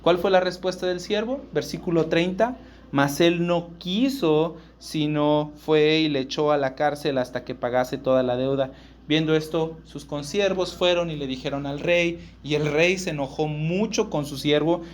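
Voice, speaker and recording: Male pastor, northern Mexican accent, emphatic sermon delivery, slightly raised pitch. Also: normal speed, a little hiss or hum. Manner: emphatic, repeats key words, checks in with "ok?".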